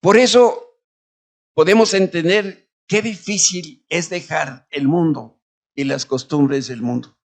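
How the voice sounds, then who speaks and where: Male pastor, sermon delivery, high pitch, rhetorical and shifting in volume. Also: slow pace, gravelly. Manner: preaching with rhetorical questions and shifts between loud and quiet. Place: church.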